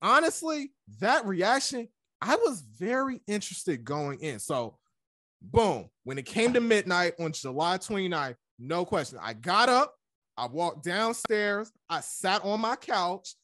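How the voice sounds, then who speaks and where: A man's voice: sits high, very animated, unhurried, sharp tone, dry recording. A man guests on a casual music podcast, his voice swinging widely up and down as he tells a story. The sound is dry and close, with no room around it. He acts out his own reactions as he goes.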